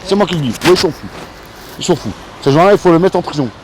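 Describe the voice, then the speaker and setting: A man's voice: fairly high pitch, lively intonation, fast. An older man from Belgium, an independent reporter, interviewing a passerby on a city street and talking over him with insistent questions. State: tired. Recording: outdoor street noise.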